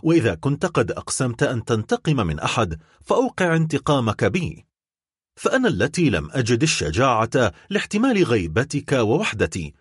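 A man's voice: mid-range voice, wildly swooping pitch, brisk, slightly rough, no echo, clean studio sound. A man voicing a grieving, desperate middle-aged noblewoman who pleads and cries out in an audiobook reading. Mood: despairing plea.

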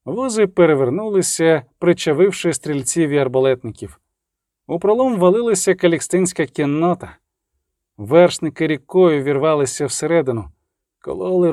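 A man reading an audiobook in a dramatic, measured narration. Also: a little high, a little mellow, no echo, clean studio sound.

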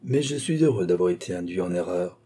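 A cold, scheming English baronet who never loses his composure, dry and sardonic in every word, as a man reads him. The voice is deep, dark and husky. He speaks calmly and lets his barbs land slowly. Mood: cool.

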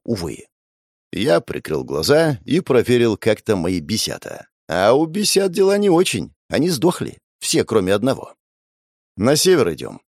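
A man's voice: fairly low pitch, darkish tone, no echo, clean studio sound. A man narrating a first-person fantasy audiobook in a sardonic, crude, wry way.

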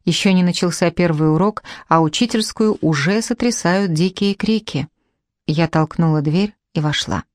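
A woman narrating an audiobook in a measured, even reading. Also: on the low side, dry recording.

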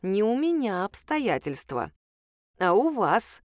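Woman doing a hushed, shrewd woman sleuth. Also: sing-song, takes it slowly, no echo, studio quality. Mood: conspiratorial. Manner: low, hushed and persuasive. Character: shrewd middle-aged woman sleuth, calm and conspiratorial.

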